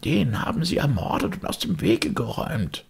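A man voicing a loyal, frightened old male servant in an audiobook, speaking in a hushed, anxious, pleading way with a raspy voice. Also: lowish voice, huge pitch swings, a little slow, pitched above the performer's own voice, full character voice. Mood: fearful. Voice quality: gravelly, raspy. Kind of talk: audiobook character reading.

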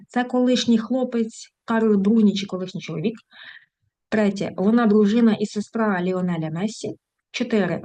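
A woman's voice: mid-range voice, creaky, warm tone. A woman teacher giving an online English lesson, reading textbook lines aloud and translating them, with fond little asides to her students. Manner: affectionate diminutives to students.

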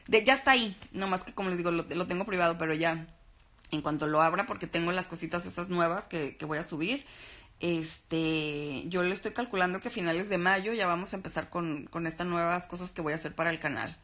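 A Mexican actress and TV host in her thirties, from Sinaloa, lies in bed in her bedroom chatting on a live stream. Her voice is on the low side and brisk as she reads out fan comments in a relaxed, affectionate way, calling viewers "mi amor" and "baby." The phone recording her is held at arm's length.

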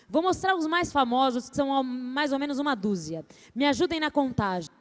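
A woman telling a story live to a seminar audience, expressive and playful, asking the crowd to raise their hands. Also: sits high, a little fast. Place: seminar stage before an audience.

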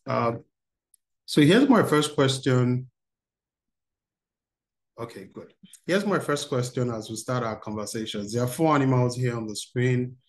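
A man's voice: mid-range voice, unhurried, long pauses. Guy in his 30s leading a zoom workshop, upbeat, reads out the chat, webcam sound. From Nigeria. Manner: upbeat, reads out chat replies, chuckles often. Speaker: workshop speaker for teens. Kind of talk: interactive online workshop. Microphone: video call webcam.

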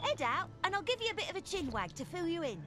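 A woman's voice: very high-pitched, sing-song, fast, bright, forceful tone, exaggerated voice. An actress voicing a bubbly young woman in a game, giving directions over the radio in a chirpy, slangy way. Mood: cheerful. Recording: game audio under music.

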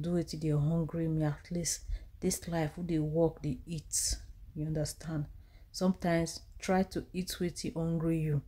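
A woman's voice: low-pitched, warm tone. A woman in her thirties with a Nigerian accent, chatting through a home cooking vlog in English mixed with Pidgin. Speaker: cooking vlogger. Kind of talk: casual voice-over narration of a cooking vlog. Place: home kitchen.

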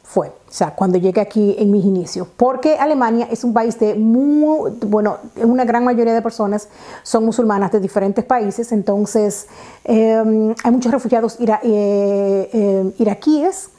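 A woman's voice: fairly high pitch, measured pace, mellow. A woman in her thirties from the Dominican Republic with a Dominican Spanish accent, telling a story to camera in a casual, chatty way with many fillers and restarts, recorded on a lapel mic in her living room. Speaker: vlogger. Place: living room at home, indoors.

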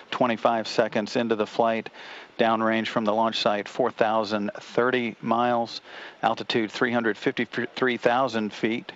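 A man giving measured flight status commentary as a mission control announcer. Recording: dull broadcast audio, loud rumbling noise.

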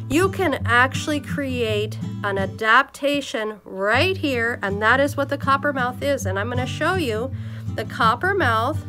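A woman's voice: high voice, lively intonation, unhurried, music in the background. Woman talking through a face mask. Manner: chatty, exclamatory. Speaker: product creator demonstrating. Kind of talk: casual product demo.

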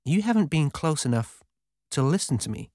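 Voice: mid-range voice, very animated, moderate pace, a little mellow, no echo, clean studio sound, pitched above the performer's own voice. A narrator voicing a cheeky inner voice that speaks in a playful, matter-of-fact way. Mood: teasing.

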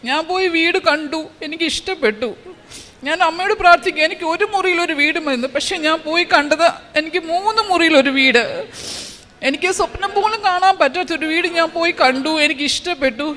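High-voiced woman giving emotional testimony. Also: sharp tone. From Kerala, India. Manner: emotional, pleading retelling of prayers. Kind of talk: personal religious testimony.

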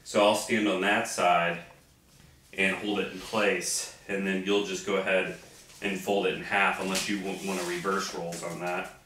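A man co-hosts a vlog in an upbeat, chatty way, laughing easily between his lines. His voice is low but bright and forceful. It comes across as relaxed everyday talk to the camera. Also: moderate pace, slight background noise. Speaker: vlog co-host. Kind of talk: casual vlog chat.

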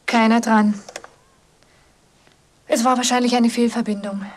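An actress dubbing a calm woman who answers the telephone, cool and dry in manner. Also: fairly high pitch, measured pace, heavy background noise, close to an everyday voice. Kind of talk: German film dub.

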